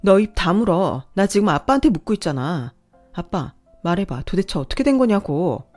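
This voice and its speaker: A woman's voice: medium pitch, animated, normal speed, warm tone, faint music behind, close to an everyday voice. Woman playing a pointed young daughter. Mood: accusing. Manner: pointed, insistent questioning. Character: the daughter narrator, a young married office worker, direct and suspicious. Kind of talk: scripted story reading.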